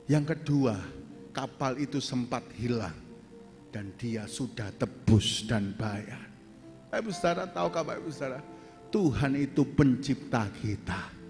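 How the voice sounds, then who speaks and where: A man preaching a sermon and telling a personal testimony, swinging from loud urgent calls to soft low asides and addressing the congregation directly. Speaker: pastor. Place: large church hall. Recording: long church reverb with faint music behind.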